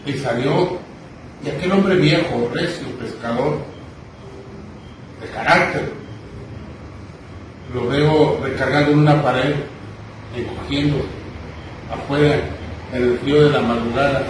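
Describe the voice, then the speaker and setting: A man's voice: medium pitch, slow pace, pauses often. A man preaching a sermon, telling the story with emphatic repetitions. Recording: echoey hall, distant mic, noisy.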